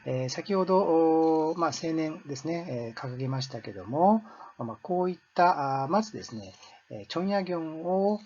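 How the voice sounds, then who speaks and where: A man hosting a history channel, explaining in a halting lecture style full of drawn-out fillers. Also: fairly high pitch, lively intonation, darkish tone. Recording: dull lo-fi sound.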